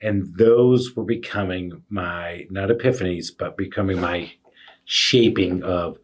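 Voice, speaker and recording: A man telling his own workplace stories as a podcast host, animated and full of fillers. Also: low voice, measured pace, slight background noise. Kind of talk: casual storytelling chat.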